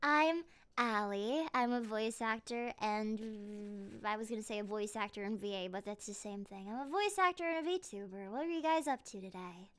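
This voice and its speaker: A woman's voice: mid-range voice, moderate pace, few pauses, a bit bright. A woman live streamer chatting casually and playfully with her viewers as she reacts to videos. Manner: casual, playful running commentary. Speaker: live streamer, VTuber and voice actor.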